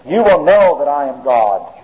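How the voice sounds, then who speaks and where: A pastor preaching a sermon, swinging dramatically between loud and hushed and asking the congregation questions. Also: male voice, a little high, very animated, moderate pace. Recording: tinny, phone-like sound with long hall reverb.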